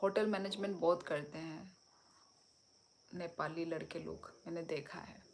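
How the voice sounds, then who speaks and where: A young woman from Tripura talks slowly in a fairly low voice on a phone live stream. She chats warmly with viewers and answers their comments one by one. Faint crickets sound in the background. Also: fairly even intonation, creaky, a little hiss or hum. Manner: chatty, reads and answers viewer comments, switches languages.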